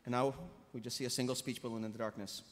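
A man with a mid-range voice reads dramatic stage directions quickly and with fairly even intonation during a live table read. He uses a table microphone in a large, noisy, echoey convention panel room.

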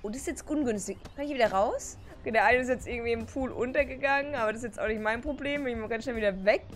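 Young female streamer, high and bouncy, excitable commentary with shrieks, light music underneath. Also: very fast. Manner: excitable, shrieks and exclaims at the game.

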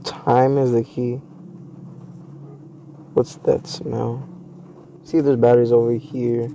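A man's voice: mid-range voice, level tone, slow, gravelly, mellow, slight background noise. A young man giving casual horror game commentary as a streamer, scared and jumpy, exclaiming and repeating himself. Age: young adult. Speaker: gaming streamer.

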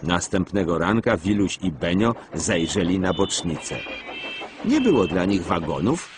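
A man giving scripted, expressive storybook narration for a children's cartoon. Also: sits low, unhurried, background noise. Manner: expressive, animated reading. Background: background music.

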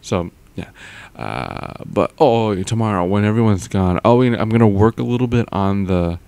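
A young man with a lowish, gravelly, slightly mellow voice vlogs from home at normal speed, expressive and clean-toned with no room sound. Close to a pop-filtered mic, he rambles casually, full of fillers and trailing off.

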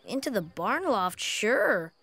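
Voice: mid-range voice, very animated, slow, gravelly, sharp tone, heavily acted. An actor voicing a good-natured, teasing teenage boy in a cartoon, casual and boyish. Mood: doubtful. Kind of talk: animated series voice acting. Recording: music behind the voice.

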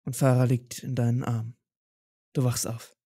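A man narrating as game master in a slow, atmospheric way. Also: mid-range voice, little pitch movement, dark tone, slightly rough, no room sound, studio quality. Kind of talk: narrating an audio role-play.

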